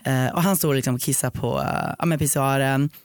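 A man's voice: steady tone, vocal fry, smooth, dry recording. A young man telling a long personal story in a casual podcast chat, rambling with many fillers and acting out what people said. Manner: rambling anecdote, many fillers, quotes people with raised pitch. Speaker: guest storyteller.

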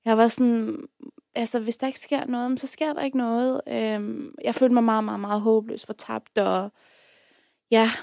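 A woman's voice: a little high, little pitch movement, creaky, darkish tone, no room sound, studio quality. A woman guest and activist talking casually and candidly, often searching for her words. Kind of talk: casual conversation.

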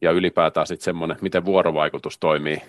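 Deep-voiced man, dry close sound. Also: flat delivery, dry recording. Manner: measured, hedging, many restarts. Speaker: podcast co-host. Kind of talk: casual discussion on work culture.

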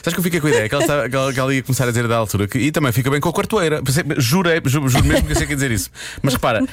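A man's voice: mid-range voice, expressive, racing, dry recording. Loose, chuckling male radio host. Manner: laughing, loose and hesitant, with many fillers. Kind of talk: casual radio chat.

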